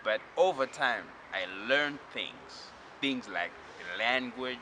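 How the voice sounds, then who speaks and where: A man from Zimbabwe giving a spiritual lecture, talking slowly and reflectively and addressing the listener directly. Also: medium pitch, lively intonation, pushed and bright, a little hiss or hum, low-quality recording.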